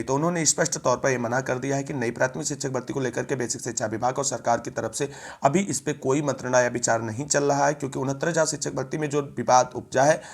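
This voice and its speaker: Man reading a news update. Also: mid-range voice. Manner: formal wording in long run-on sentences. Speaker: education news presenter.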